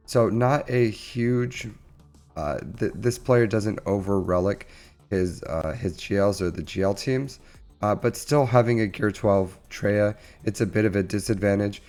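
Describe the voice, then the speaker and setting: A man who sounds under the weather, giving casual, halting gameplay commentary as the host of a gaming channel. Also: on the low side, darkish tone. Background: music.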